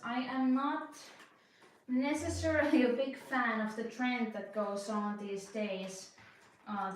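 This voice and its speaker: A young woman hosting a puzzling channel, thinking aloud while she works, talking slowly with many fillers and restarts. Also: medium pitch, far from the mic. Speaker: speed puzzling channel host. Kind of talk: casual commentary while puzzling. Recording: very echoey room, voice off-mic, faint noise.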